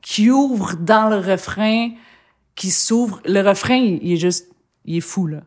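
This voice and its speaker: A woman's voice: medium pitch, unhurried. A woman with a Québécois French accent hosting a casual music interview, enthusiastic and imitating rhythms with her voice. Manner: enthusiastic, mimics beats with mouth sounds. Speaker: interview host.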